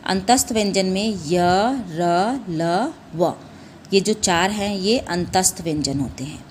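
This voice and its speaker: Slowly and in a fairly low voice, a young primary school Hindi teacher runs a classroom lesson, patiently repeating "ठीक है" and putting questions back to the pupils. She calls them "बेटा" and "बच्चों" and draws out sounds when demonstrating them, with slight background noise present.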